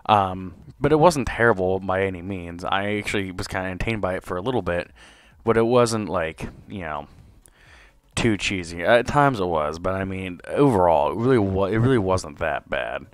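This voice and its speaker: Male podcast host with a deep voice, slightly hoarse, loose rambling delivery, dry sound. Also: expressive, moderate pace, no room sound. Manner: rambling, profane, with many fillers. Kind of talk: casual solo show review.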